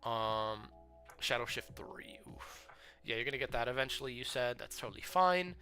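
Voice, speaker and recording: A young man streaming casual commentary on viewers' game builds, chatty and full of fillers, with excited outbursts. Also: mid-range voice, normal speed. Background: faint background music.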